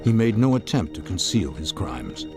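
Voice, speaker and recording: A man delivering scripted true-crime narration in a measured, grave manner. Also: lowish voice, sing-song, music in the background. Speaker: documentary narrator.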